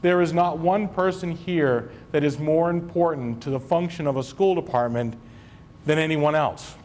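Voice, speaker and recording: Addressing his staff at convocation in a large hall with a live audience, a man from Maine who works as a school superintendent keeps things chatty, joking and poking fun at himself. His voice runs on the high side and a little mellow, at a moderate pace. There is a little hiss or hum.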